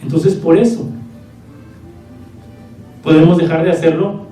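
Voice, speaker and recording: A man's voice: on the high side, steady tone, a little slow, warm tone, reverberant, recorded from a distance, soft background music, rough recording. A man preaching a sermon to a congregation in a church, teaching in a conversational way and often checking in with his listeners. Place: church hall.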